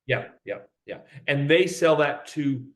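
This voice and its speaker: A man being interviewed as a company head, talking in an animated, fast way and acting out the voices of people in his stories. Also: on the high side. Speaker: guest, company CEO.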